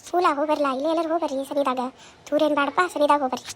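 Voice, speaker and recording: A woman's voice: sits high, fairly even intonation, racing, a bit bright, slight background noise. A woman playing a worried middle-aged mother in a comedy skit, with a North Karnataka Kannada accent, lecturing and nagging. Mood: advising. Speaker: skit actor.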